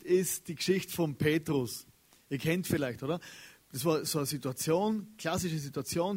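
A man preaching a casual, slangy sermon. He is chatty and animated, and keeps checking in with his listeners. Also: high-pitched.

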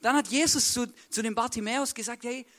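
High-voiced, chatty male preacher. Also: fast talker, a bit bright. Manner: colloquial, tags sentences with a questioning "right?"; acts out the voices of the story's people. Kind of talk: sermon with storytelling.

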